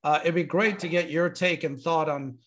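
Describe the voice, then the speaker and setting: With a fairly high, slightly bright voice and fairly even intonation, a man hosts a casual podcast interview at a moderate pace. He introduces and questions a guest in an upbeat, enthusiastic way, saying um a lot.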